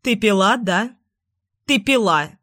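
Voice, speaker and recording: A woman voicing a cold, menacing mother who speaks in a slow, clipped, hissing way, in an audiobook. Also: mid-range voice, expressive, fairly bright tone. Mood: accusing. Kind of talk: audiobook character voice.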